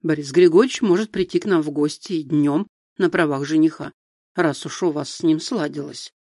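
A man's voice: a little high, a little fast, darkish tone, no echo, clean studio sound. A man reading a stern, threatening mother. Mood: menacing. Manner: harsh, threatening. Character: stern domineering middle-aged woman, mother.

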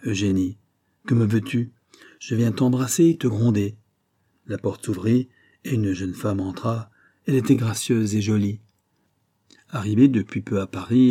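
A man narrating a nineteenth-century romance as an audiobook, measured and expressive. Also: fairly low pitch, slightly rough. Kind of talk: literary audiobook reading.

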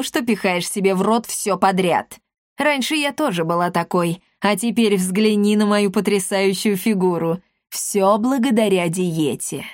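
A woman's voice: mid-range voice, dry recording, studio quality, close to an everyday voice. A woman voicing a tiny, spiteful old woman who screeches and scolds everyone about her diet.

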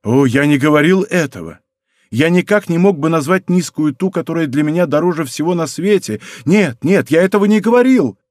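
A man's voice: a little high, big pitch swings, moderate pace, a little mellow, no echo, voice pushed up. A man voicing a passionate, lovesick young nobleman in an audiobook, pleading in heated outbursts, recorded dry and close. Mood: impassioned. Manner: impassioned, breaks into pleading outbursts. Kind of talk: audiobook character voice.

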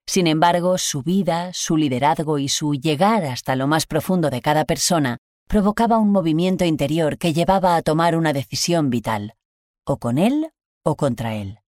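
A reader with a Spain Spanish accent, slowly and solemnly reading a Gospel passage and a reflection on it. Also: mid-range voice, a little mellow, no room sound, clean studio sound. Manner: measured, solemn, deliberate phrasing. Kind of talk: scripted liturgical reading.

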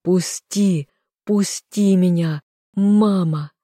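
An audiobook narrator voicing an anguished young half-demon son who shouts and pleads desperately. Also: medium pitch, little pitch movement, normal speed, dry recording, clean studio sound, natural voice. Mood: desperate pleading. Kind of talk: audiobook character reading.

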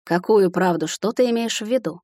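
A woman voicing a male executive who speaks in a measured, earnest way. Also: mid-range voice, mellow, dry recording, studio quality, natural voice. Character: confused, then relieved male executive.

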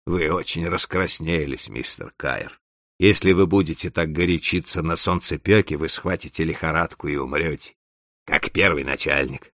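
A man voicing an unflappable station clerk in a storybook reading, low-pitched and composed. His delivery stays measured and unhurried, with a gravelly edge. The recording is close and dry. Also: huge pitch swings, dry recording, heavily acted. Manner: unruffled, measured. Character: calm, impassive male station clerk.

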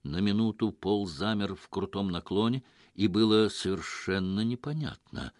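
A man narrating an audiobook story in a measured, even reading. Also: on the low side, dry recording, studio quality.

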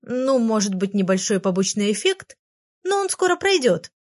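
A woman voicing a small, cheeky and proud female fairy in a high, perky voice. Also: sing-song, moderate pace, a little mellow, lightly acted. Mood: hasty.

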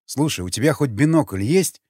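A tough, impatient young survivor snaps commands, as a male narrator voices him. His delivery is clipped and urgent, with animated swings in pitch. The recording is dry and close, with a soft music bed. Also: moderate pace, no echo, lightly acted. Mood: urgent, brusque. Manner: brusque, commanding.

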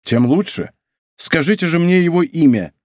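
A man's voice: on the high side, lively intonation, normal speed, a little mellow, no room sound, studio quality, pitched above the performer's own voice, close to an everyday voice. A male reader voicing an ardent, impulsive young nobleman who speaks with passion and bursts into exclamations. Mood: passionate.

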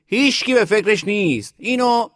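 A brash street vendor, very high shrill voice, loud hawking, storybook. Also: male voice, animated, no echo, studio quality. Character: shouting male street beet vendor, brash.

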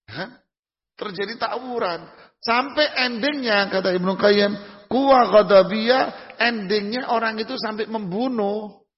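Speaking a little slowly in a high voice, a man preaches Islam in a casual, conversational lecture. He asks his audience questions, then answers them himself using examples from daily life. It was captured in a reverberant lecture hall on a dull, lo-fi recording.

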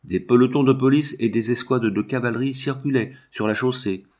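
A man narrating a novel as an audiobook, reading in a measured, expressive way. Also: medium pitch.

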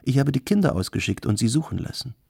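A man voicing a tender, devoted young woman in an audiobook, speaking softly and coaxingly with a gravelly, husky voice. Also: medium pitch, very animated, fast, no room sound, studio quality, pitched above the performer's own voice, heavily acted. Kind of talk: audiobook character reading.

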